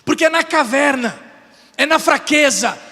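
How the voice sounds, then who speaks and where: A man's voice: extremely high pitch, moderate pace, pushed and bright. A man with a Brazilian Portuguese accent preaching a passionate sermon, building with repeated phrases and rhetorical questions. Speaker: pastor. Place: church sanctuary. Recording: church hall reverb.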